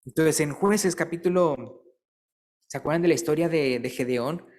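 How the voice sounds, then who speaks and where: A male preacher giving a relaxed, conversational sermon, asking the congregation questions and telling light jokes. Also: on the high side, normal speed. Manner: chatty, asks listeners questions and tells jokes.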